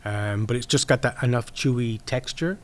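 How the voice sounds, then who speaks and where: A man's voice: mid-range voice, normal speed. Podcast guest, man, easygoing explainer, fillers and restarts. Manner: rambling, explanatory, lots of fillers. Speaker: podcast guest, sourdough baker. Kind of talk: casual podcast chat.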